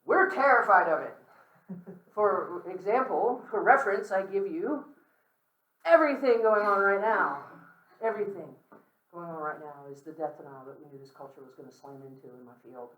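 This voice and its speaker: Speaking loosely to a campus crowd, this guest lecturer on death and dying mixes in jokes and side remarks and keeps asking "okay?" at a moderate pace. The mid-pitched voice has lively intonation and a fairly bright tone, though the highs are cut off. The mic sits far away in the large room, so a roomy echo surrounds every phrase.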